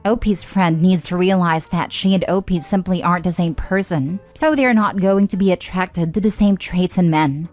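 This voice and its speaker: A woman narrating online forum stories and adding her own comments, reading expressively with frequent lifts in pitch. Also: normal speed, few pauses, darkish tone, soft background music. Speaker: story narrator.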